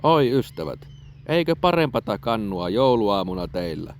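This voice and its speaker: A man's voice: fairly low pitch, very animated, a little hiss or hum. A bold pious knight, as a man reads him. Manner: courteous, bold, calling out loudly. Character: brave pious male knight-rider hero.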